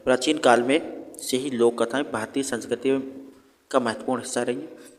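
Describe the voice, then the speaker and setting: A man's voice: mid-range voice, fairly even intonation, moderate pace, in a large hall. A man teaching an exam revision lesson, asking questions and answering them himself. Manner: explains by asking and answering his own questions.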